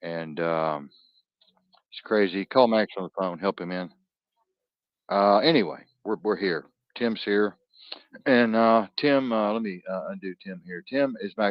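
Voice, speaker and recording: A man's voice: lowish voice, no room sound, muffled recording. A man hosting an online talk stream, tired, rambling and profane, barking orders at his producer.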